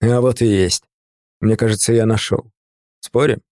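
A man's voice: lowish voice, fairly even intonation, normal speed, a little mellow, no room sound, clean studio sound, natural voice. A man voicing a hardened drifter nicknamed the philosopher, who speaks curtly and firmly.

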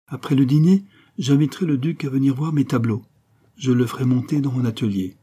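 A man's voice: mid-range voice, fairly quick, dark tone, slightly rough, voice pushed up, close to an everyday voice. A man reading an audiobook, voicing a proud and resolute young Spanish noblewoman who pleads earnestly and speaks firmly. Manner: earnest and pleading, then firm.

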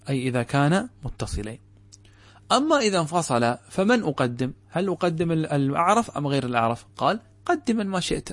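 A man teaching a grammar lesson, asking his students rhetorical questions and slowing down to spell out example words. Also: medium pitch, dry recording. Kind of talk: classroom lecture on a grammar text.

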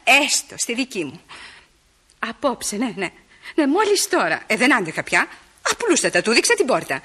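A flirtatious, theatrical lady in love. Her voice sits high and bright and leaps about, full of quick swings from teasing to pleading. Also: breathy edge, exaggerated voice. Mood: tender pleading. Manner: lively, coquettish, quick mood swings. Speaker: radio drama actress. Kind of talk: 1960s Greek radio theater acting.

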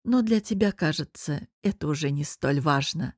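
A woman's voice: animated, moderate pace, breathy edge, no room sound, studio quality. A woman voicing a growling, stubborn young husband. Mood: resigned. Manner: low growling insistence. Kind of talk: audiobook character reading.

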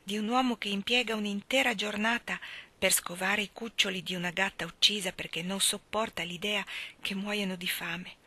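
A woman reading aloud voices a shy young woman speaking quietly and calmly. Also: medium pitch, moderate pace. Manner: quiet, calm.

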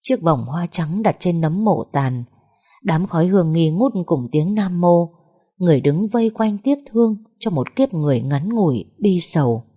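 A woman reading a story aloud in a slow, mournful narration. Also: fairly low pitch, animated, dark tone, breathy edge. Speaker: audiobook narrator.

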